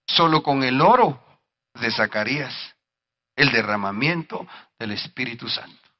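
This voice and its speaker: A male pastor preaching a sermon, speaking directly to the congregation and rising to shouts at his peaks. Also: medium pitch, animated, unhurried, lo-fi sound.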